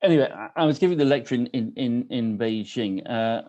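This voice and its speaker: A man's voice: mid-range voice, expressive, brisk, dark tone, dull audio. A man in his sixties hosting an online poetry reading from his home kitchen over a video call, speaking casually with many ums and restarts. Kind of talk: casual welcoming remarks. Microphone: computer on a video call.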